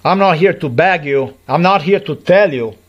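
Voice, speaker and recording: A man's voice: a little high, lively intonation, moderate pace, highs cut off. A middle-aged man from Slovenia, delivering an aggrieved, repetitive personal monologue in English as a vlogger.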